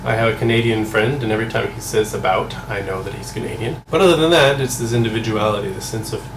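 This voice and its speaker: A man's voice: on the low side, quick pace. Musing American man in an echoey room. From United States. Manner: musing, conversational, asks himself questions. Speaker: vlogger. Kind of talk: casual vlog monologue to camera. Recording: echoey room, mic at a distance, air conditioner hum.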